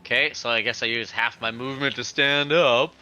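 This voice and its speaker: A man's voice: mid-range voice, fairly even intonation, fairly quick, bright, forceful tone. A man talking casually as a player in a tabletop role-playing game.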